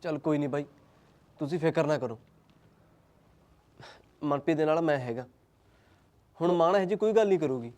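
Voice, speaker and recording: A man's voice: on the high side, a little fast, pauses often, a little mellow, lightly acted. A man playing a young husband who argues with his mother, speaking in a Punjabi accent. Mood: calm. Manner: heated, arguing. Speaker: son and husband. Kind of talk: acted family drama.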